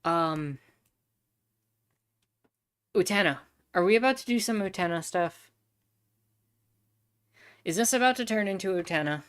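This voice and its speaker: A woman's voice: lowish voice, lively intonation, a little slow, long pauses, smooth. A woman streaming a game, chatting casually as she comments on the story and reads dialogue.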